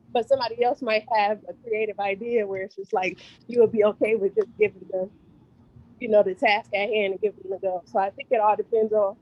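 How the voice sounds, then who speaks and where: A woman's voice: on the high side, muffled recording. A woman sharing her views in an online workshop, candid and chatty, slightly out of breath. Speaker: workshop participant. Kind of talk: casual discussion.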